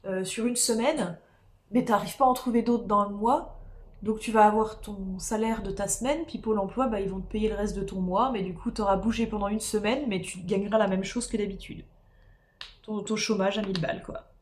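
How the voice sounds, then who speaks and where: In a casual live-stream from home, a woman doing diamond painting chats and rambles with viewers, using many fillers and restarts. She's tired, with a cold and sore throat, and is losing her voice. Medium in pitch with fairly even intonation, she speaks a little fast over slight background noise.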